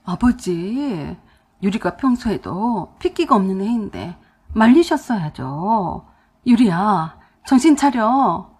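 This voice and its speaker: A woman voicing a fussing young husband in a narrated radio drama, loud and pleading, near tears. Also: medium pitch, expressive, slow, slightly rough. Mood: distraught. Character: doting young husband, man, fussy.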